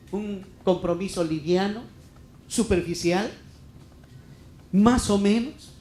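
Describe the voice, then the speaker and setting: A man's voice: fairly high pitch, dark tone, roomy sound. A middle-aged Peruvian man preaching a heartfelt, emphatic sermon as a pastor, full of rhetorical questions. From Peru. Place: church hall.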